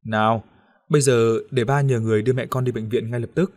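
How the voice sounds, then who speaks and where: A man's voice: medium pitch, steady tone, quick pace, a little mellow, natural voice. A man voicing a manipulative middle-aged father in an audiobook, speaking in a sweet, coaxing way that hides menace. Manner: coaxing and wheedling, turning to harsh threats.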